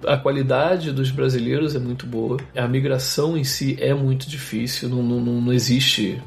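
A Brazilian man with a gravelly, creaky voice at a middle pitch, talking as a podcast guest. He rambles in a relaxed way and often restarts his sentences. Faint music sits under the voice. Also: moderate pace. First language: Portuguese. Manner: relaxed, rambling, self-correcting. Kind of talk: casual interview chat.

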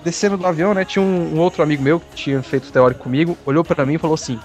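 A man's voice: a little high, steady tone, racing, a little mellow, soft background music. A man in casual chat, easygoing, tagging a questioning word onto nearly every phrase. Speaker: student pilot, podcast guest.

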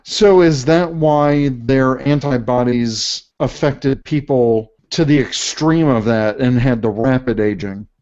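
A man co-hosting a podcast in casual chat, reacting quickly and asking questions. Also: mid-range voice, a little mellow, lo-fi sound. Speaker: podcast co-host.

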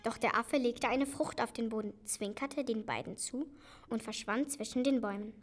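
A woman narrating a radio play in a calm, even storytelling manner. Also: on the high side, normal speed, faint music behind. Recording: hissy amateur recording.

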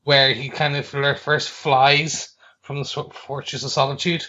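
Guy with a bright kinda tense voice, stops and restarts a lot, dull lo-fi mic. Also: medium pitch, level tone, unhurried. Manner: hesitant, lots of ums and restarts. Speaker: podcast co-host. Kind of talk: casual film review chat.

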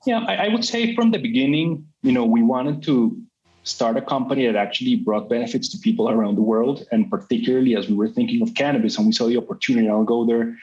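A man's voice: mid-range voice, fast talker, a little mellow. A middle-aged man from Colombia, a company CEO telling his story in an interview, talkative and full of "you know" fillers and restarts. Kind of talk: business interview. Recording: slightly muffled sound.

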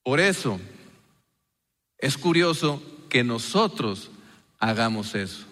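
A man's voice: mid-range voice, very animated, slow pace, a bit bright, in a large hall. A man preaching a sermon, speaking earnestly and putting rhetorical questions to his congregation. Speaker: pastor.

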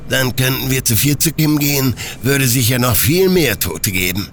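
A man's voice: mid-range voice, lively intonation, moderate pace, a bit bright, slight background noise, voice pushed up, natural voice. A man voicing a dry, pessimistic male smuggler first mate in a storybook reading, speaking in a sardonic tone.

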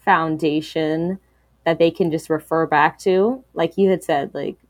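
A woman's voice: low voice, steady tone, a little slow, no room sound, clean studio sound. A woman speaking as an interview guest, talking candidly and reflectively, with many fillers and restarts.

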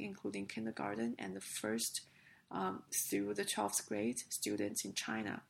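A woman reads business news for a podcast in a hoarse, heavily gravelled voice that sounds under the weather. Her delivery is scripted but halting, at a middling pitch, with faint noise behind her. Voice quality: rough, gravelly voice. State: hoarse with a sick, coughing voice.

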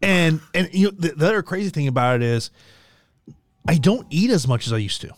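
A man in his forties co-hosting a podcast, chatting in a chummy, animated way and often repeating himself. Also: fairly high pitch, a little fast, no room sound. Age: 40s. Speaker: podcast co-host. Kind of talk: casual sports chat.

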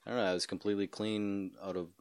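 A young man chatting casually as a podcast host, laid-back and quick to laugh while rambling through stories. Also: on the low side, level tone, dry recording. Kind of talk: casual chat.

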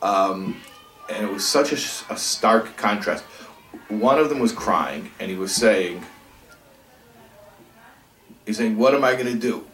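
A man teaching a religious class, lively and thinking aloud, acting out examples as he goes. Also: on the low side, slow, pauses often, soft background music. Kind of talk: Torah class lecture. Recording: echoey room, from a distance.

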